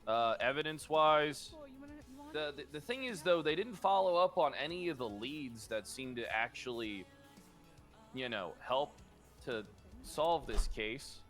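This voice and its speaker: High bright-voiced man, stammering. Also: lively intonation, unhurried, soft background music. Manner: hesitant, stammering, filler-heavy talk. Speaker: streamer playing a police officer in roleplay. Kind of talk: casual in-character roleplay chat.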